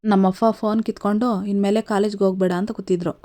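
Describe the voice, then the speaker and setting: A woman's voice: medium pitch, flat delivery, quick pace, dark tone, close to an everyday voice. A woman voicing a tearful young college girl in love, pleading in her own plain storytelling voice. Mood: upset.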